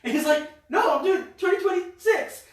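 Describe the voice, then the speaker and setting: A man's voice: very high-pitched, normal speed. A man in his twenties, a podcast co-host telling a story in casual chat, acting out what others said. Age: 20s. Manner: animated storyteller, acts out quotes. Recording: echoey room, far from mic.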